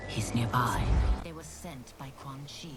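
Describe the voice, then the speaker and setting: A woman's voice: extremely low pitch, unhurried. An actress voicing a solemn female demon in a video game. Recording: very loud music over game audio.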